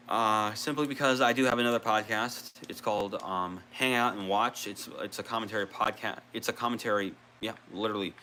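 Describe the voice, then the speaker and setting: A man talks on his own gaming vlog, looping back through fillers and half-finished sentences. His lowish voice has a bright, pressed edge. A faint hiss sits under the recording. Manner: rambling, many restarts and fillers, casual swearing. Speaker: video creator.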